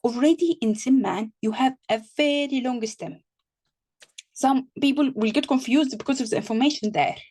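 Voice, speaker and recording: Woman, high-ish voice, exam tutor, online class, stammered restarts, reassuring. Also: normal speed, darkish tone. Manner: repeats words and restarts, reassuring asides. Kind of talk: online teaching session.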